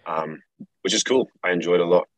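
A young man from England, a guest in a casual interview, talking in a relaxed, rambling way with lots of fillers. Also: deep voice, fairly quick, dry recording, rough recording. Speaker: guest, clothing brand founder.

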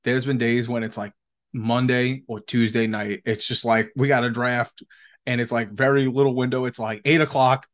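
A man's voice: medium pitch, level tone, normal speed. A man co-hosting a podcast in casual chat, rambling and slangy, with plenty of swearing. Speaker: podcast co-host.

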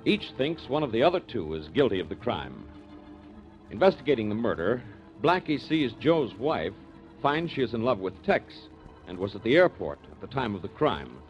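A man announcing and recapping a 1940s radio drama in a measured announcer's delivery, heard as an old radio broadcast. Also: mid-range voice, sing-song, soft background music. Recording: dull lo-fi vintage radio broadcast.

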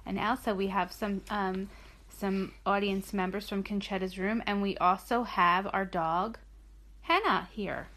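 A woman's voice: medium pitch, steady tone, measured pace, fairly bright tone. A woman reading a bedtime sleep story aloud as a mother and host, explaining things simply and encouragingly as if to a small child. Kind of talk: gentle sleep story narration and chat with her small child.

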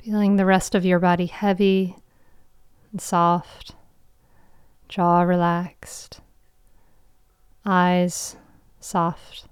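A woman guiding a meditation in a soft, soothing, slow voice with long pauses, breathy and trailing toward a whisper. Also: lowish voice, monotone, no echo, studio quality. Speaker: meditation guide and show host. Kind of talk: guided meditation.

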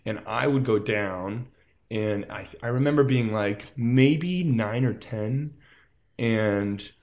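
A man's voice: lowish voice, slow, a little mellow. A man from Las Vegas, a musician guest in a casual interview, telling stories in a rambling way with many fillers. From Las Vegas, United States.

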